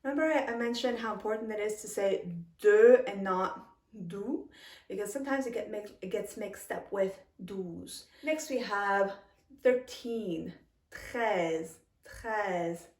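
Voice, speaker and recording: A woman gives a patient language lesson at a very slow pace, repeating each word with small chuckles. Her voice sits in a mid range. The recording is roomy and a bit distant from the mic. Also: mid-range voice. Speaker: French teacher. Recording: roomy echo, a little far from the mic.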